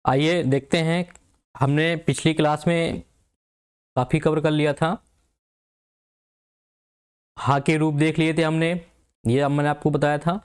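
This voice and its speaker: A man gives an online exam-prep lesson. He explains patiently and repeats each example word slowly. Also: fairly high pitch, little pitch movement, clean tone. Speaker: Hindi teacher.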